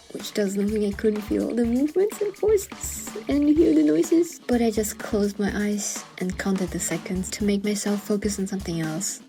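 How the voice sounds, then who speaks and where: A woman's voice: medium pitch, dark tone. A woman narrating a scripted personal story as a voice-over, with wry, self-deprecating and dramatic asides. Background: music behind the voice.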